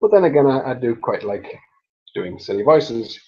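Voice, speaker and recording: A man's voice: medium pitch, sing-song, normal speed, darkish tone, husky, dull audio. A man with a Mackem accent chatting on a live stream, rambling and self-amused, with lots of fillers and restarts. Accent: Mackem (Sunderland). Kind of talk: casual live-stream chat.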